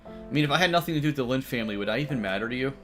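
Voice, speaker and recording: A man reading as a timid, gentle boy hero. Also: mid-range voice, lively intonation, very fast, faint music behind, close to an everyday voice. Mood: hesitant. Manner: hesitant, questioning. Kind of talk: reading visual novel dialogue aloud.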